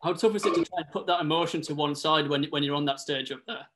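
A man's voice: on the high side, quick pace, fairly bright tone. A man asking press interview questions as a sports reporter.

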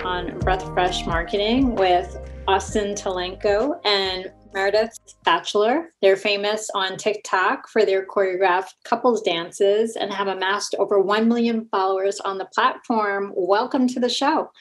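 A woman's voice: mid-range voice, steady tone, a little slow, faint music behind. A woman hosts a podcast interview. She sounds upbeat and welcoming as she introduces her guests and asks questions. She talks into her computer over a video call. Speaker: podcast host. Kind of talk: interview hosting.

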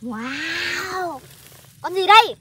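A woman hosting a playful vlog outdoors in a farm field, chatty and excited, often calling out to her viewers. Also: very high voice, drawn-out words. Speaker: vlog host. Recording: noisy outdoor recording.

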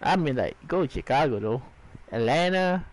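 Slow-talking, slangy male streamer. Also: fairly high pitch, animated, no room sound, poor audio. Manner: loose slangy reactions with frequent swearing. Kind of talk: casual gameplay commentary.

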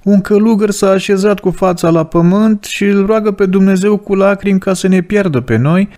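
A man's voice: sits high, dark tone, voice pushed up, lightly acted. A man voicing an anxious male devil captain sent as a messenger, read in a plaintive storytelling voice.

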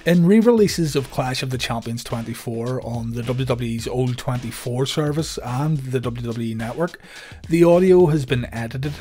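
A man giving scripted documentary narration in a steady storytelling delivery. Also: medium pitch.

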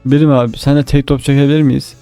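Creaky-voiced young man in game chat. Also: mid-range voice, little pitch movement, fast, warm tone, faint music behind. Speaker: gamer leading pranks in online matches. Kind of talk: casual gaming chat.

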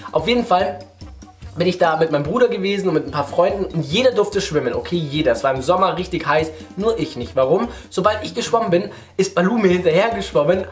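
A young man giving casual, slangy, mock-serious reaction commentary to the camera in a living room. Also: sits high. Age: young adult. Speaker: YouTuber reacting to videos.

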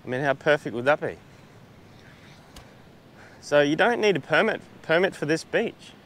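A man's voice: on the high side, expressive, normal speed, fairly bright tone. An Australian man chatting casually through a travel vlog on a beach, laid-back, with lots of fillers and restarts, recorded outdoors on a small camera-mounted mic. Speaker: travel vlogger.

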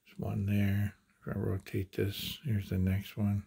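A handloading channel host with a husky, breathy, slightly low voice talks slowly through a hands-on demonstration at an indoor table. His tone is dark and his delivery completely flat, halting, and full of fillers and restarts.

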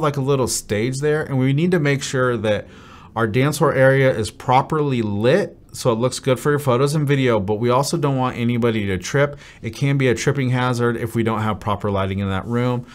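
A man in his thirties, a wedding DJ, talking through a venue's event plan to camera in an upbeat, practical way. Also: mid-range voice. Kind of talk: venue overview talk to camera. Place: dim studio set with brick wall.

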